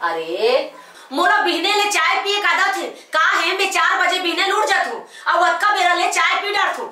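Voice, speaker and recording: A woman with a Chhattisgarhi accent playing a grumbling mother-in-law in a village comedy sketch, calling out loudly and humming devotional tunes. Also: very high-pitched, sing-song, moderate pace, reverberant, far from the mic. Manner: grumbling, calls out loudly, hums devotional song.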